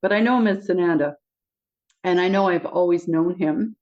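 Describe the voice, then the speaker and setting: Giggly woman recounting visions, lo-fi sound. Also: normal speed. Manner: giggly, animated, acts out quotes with high squeaky voice. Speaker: guest. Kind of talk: casual spiritual storytelling. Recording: dull lo-fi audio.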